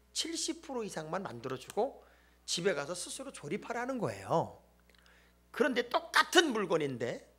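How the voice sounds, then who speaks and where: A male pastor delivers a lively sermon in a bright, high voice that leaps up and down in pitch. He jokes with the congregation, booms out his key points and drops to near-whispers for asides. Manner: animated, joking and emphatic, swings between loud exclamations and hushed asides. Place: church sanctuary.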